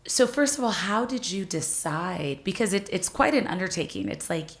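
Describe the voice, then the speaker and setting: Measured woman hosting a talk show. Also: on the low side, animated. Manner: measured, warmly encouraging questions. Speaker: host. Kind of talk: casual conversation.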